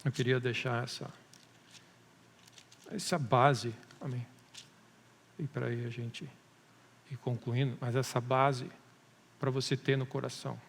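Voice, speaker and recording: A man's voice: mid-range voice, steady tone, a little slow, gravelly, pauses often. A male pastor preaching a sermon with a Brazilian Portuguese accent, building to emphatic rises and stretching key words. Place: church hall. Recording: long church-hall reverb.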